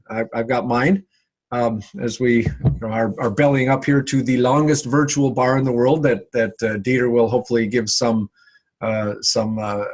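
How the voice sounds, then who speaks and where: A man's voice: mid-range voice, darkish tone, husky. A man hosting a casual social hour on a video call, chatty and full of fillers and repeated words. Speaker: event host.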